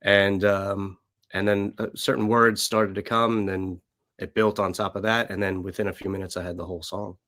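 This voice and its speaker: A man in his late thirties with a hoarse, worn-out voice, chatting casually as a musician guest in an interview. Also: fairly low pitch, level tone, moderate pace, fairly bright tone, no room sound, clean studio sound. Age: late 30s. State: voice worn out from gigging.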